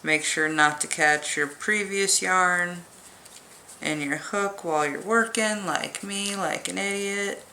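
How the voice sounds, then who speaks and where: A woman with a fairly low, very bright voice chats casually through a hands-on craft tutorial. Her S sounds are sharp and her nose whistles faintly. She is jokey and self-deprecating as she explains. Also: takes it slowly, slight background noise. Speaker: crochet tutorial host.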